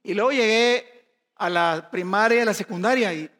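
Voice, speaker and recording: In his sermon, a pastor reads scripture and shares folksy personal anecdotes, putting rhetorical questions to the congregation he calls brothers. He speaks at normal speed in a high, fairly bright voice trailed by long reverb.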